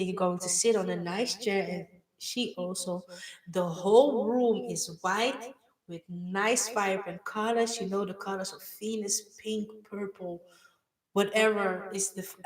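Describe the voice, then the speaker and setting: Woman meditation guide, effusive and rambling, mid pitch, slightly distant mic. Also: a little mellow. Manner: dreamy, gushing, talks with many "like"s. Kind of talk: guided visualization.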